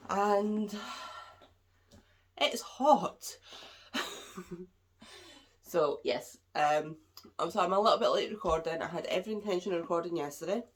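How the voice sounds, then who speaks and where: A woman hosting a craft podcast, chatting casually and rambling a little, with a stuffed-up, slightly nasal voice from a cold. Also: lowish voice. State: congested, a bit nasal. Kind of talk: casual chat about crafts. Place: at home.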